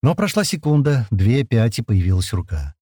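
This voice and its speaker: A man reads an audiobook in the first person, casual and peppered with coarse slang. His pitch is middling but moves around a lot. The sound is close and dry. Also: very animated, moderate pace, mellow, husky, no echo. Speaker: audiobook narrator.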